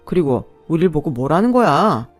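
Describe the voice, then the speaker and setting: A woman's voice: low-pitched, sing-song, normal speed, faint music behind. A woman voicing a petty young man who whines and snaps. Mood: irritated.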